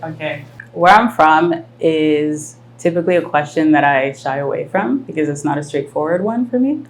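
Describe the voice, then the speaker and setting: Low-voiced woman hosting a live podcast. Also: normal speed, a little hiss or hum. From France. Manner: reflective, thoughtful, many fillers. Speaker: podcast host. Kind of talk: casual live podcast conversation. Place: live event venue with audience.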